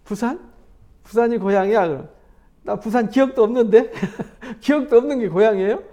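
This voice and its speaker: Teaching a Bible study, a middle-aged pastor from South Korea speaks in a high voice at a measured pace, pausing often. His manner stays chatty and lively, and he poses rhetorical questions to the group.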